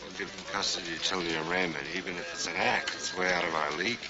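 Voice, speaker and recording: An actor playing a steady, authoritative male police captain in a television drama, clipped and businesslike. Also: deep voice, fast. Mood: firm, businesslike. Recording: dull TV soundtrack, faint noise.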